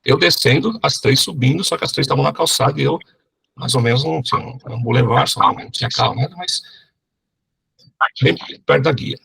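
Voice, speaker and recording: A middle-aged man telling his testimony in a sermon, animated and often checking in with the crowd. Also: medium pitch, a little fast, gravelly, breathy edge. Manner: animated storyteller, keeps asking the crowd "né?". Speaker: preacher giving testimony.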